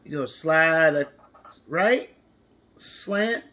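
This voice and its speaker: A man's voice: on the high side, expressive, extremely slow, pushed and bright. A man teaching an interactive counting lesson to young children, encouraging, with exaggerated reactions and lots of questions.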